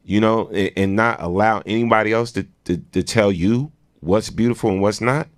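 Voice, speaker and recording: A man's voice: lowish voice, normal speed, no echo, studio quality. A man hosting a morning radio show in a casual, slangy way, repeating phrases for emphasis.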